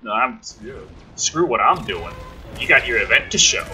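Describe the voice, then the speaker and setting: A man's voice: mid-range voice, big pitch swings, moderate pace, pushed and bright, a little hiss or hum. A man giving casual let's-play commentary while gaming, talking in a rambling, profane, offhand way. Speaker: gaming channel host.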